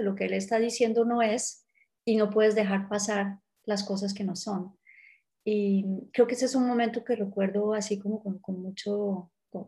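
A middle-aged woman from Colombia with a mellow, warm voice, reminiscing in a documentary interview. She speaks thoughtfully, pausing, hesitating and restarting her sentences as she gathers her thoughts. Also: medium pitch, vocal fry. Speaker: art world interviewee.

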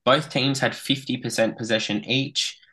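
A man's voice: medium pitch, steady tone, normal speed, sharp tone. An Australian man co-hosting a sports podcast, casually reading out match statistics in a blokey, matey way. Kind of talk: casual rugby league stats rundown.

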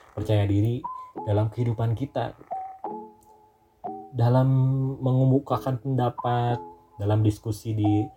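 A man teaching a class in a relaxed, conversational way, often repeating his points. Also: mid-range voice. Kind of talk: online class lesson.

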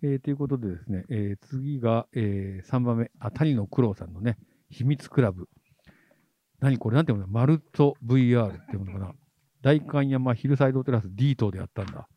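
A man hosting a podcast about theatre, leading the casual chat in a brisk, chatty way. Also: medium pitch, dry recording, dull audio. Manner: brisk, chatty, leads the talk. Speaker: podcast host.

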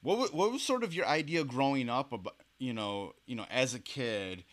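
A man's voice: mid-range voice, expressive, moderate pace, a bit bright. A man interviewing a guest in a casual chat, leaning heavily on "you know" and "like" as he frames his questions. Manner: leans on "you know" and "like" fillers. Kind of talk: casual conversation.

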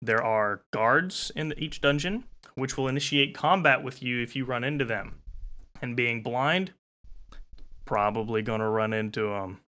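A man's voice: medium pitch, unhurried, pushed and bright. A young man hosting a casual online game show as game master, explaining the rules with loose fillers.

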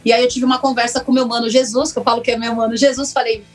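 A woman, a former lawyer now working as a therapist, telling her personal story in an interview in a reflective, earnest way with many pauses. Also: fairly high pitch, flat delivery, soft background music. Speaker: interview guest, former lawyer turned systemic constellation therapist.

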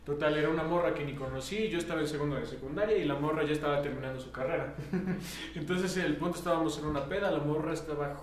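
A man's voice: fairly high pitch, fast talker, few pauses. A young man with a Mexican accent chatting casually with friends, joking and swearing, with many fillers. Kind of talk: casual chat among friends. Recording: roomy echo.

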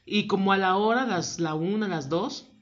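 A woman's voice: normal speed, faint music behind. A young woman with a Mexican accent telling a scary anecdote in casual chat, acting out the voices in her story. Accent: Mexican Spanish. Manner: animated storyteller, acts out quotes with big pitch jumps. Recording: dull lo-fi audio.

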